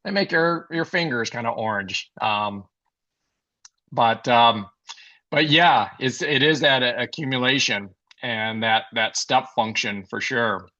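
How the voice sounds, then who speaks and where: A male host chats loosely and laughs easily. His voice is bright and forceful, and the call audio comes through dull and lo-fi. He speaks at a middle pitch. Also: unhurried. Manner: relaxed, laughs easily, many fillers. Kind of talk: casual podcast chat.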